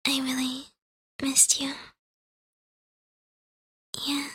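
A woman playing an affectionate girlfriend, talking softly and often in a whisper, hesitant and giggly with many fillers. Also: high-pitched, completely flat delivery, very slow, no echo, clean studio sound, heavily acted. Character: affectionate girlfriend welcoming partner home. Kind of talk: audio roleplay.

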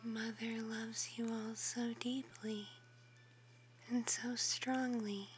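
A doting mother fox, whispered by a woman, murmurs to her kits in a hushed bedtime storybook voice. Her words come very slowly and stay level in tone, higher-set and feathery, with faint music drifting behind her. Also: level tone. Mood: tender. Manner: soft whispering, soothing and affectionate. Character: doting mother fox, female, adult, tender and protective. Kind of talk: ASMR roleplay, bedtime storytelling.

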